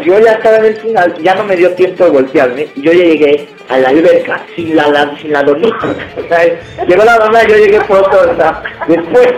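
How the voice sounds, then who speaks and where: A young man with a Mexican accent telling a funny story to friends in casual, slangy talk, laughing and acting out shouts. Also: on the high side, echoey room, poor audio. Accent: Mexican Spanish.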